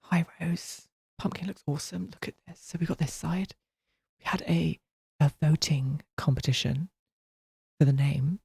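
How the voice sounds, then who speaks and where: A male streamer chatting casually while carving a pumpkin, often dropping to a soft half-whisper and rambling with restarts. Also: a little high, moderate pace, creaky, husky, no room sound, clean studio sound.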